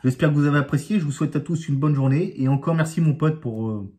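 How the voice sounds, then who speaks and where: A man's voice: fairly high pitch, quick pace, warm tone. A man from France, an amateur magician, telling a playful story to camera with sound effects and asides. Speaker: amateur magician, channel host.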